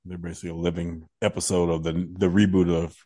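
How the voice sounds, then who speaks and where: A man's voice: low voice, flat delivery, quick pace, dark tone. A man co-hosting a podcast, joking and laughing often as he chimes in. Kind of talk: casual podcast chat.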